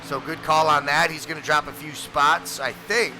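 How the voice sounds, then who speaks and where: A man doing sim racing play-by-play as race commentator, energetic and chatty, with a voice that cracks now and then. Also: a little high, moderate pace, noisy background.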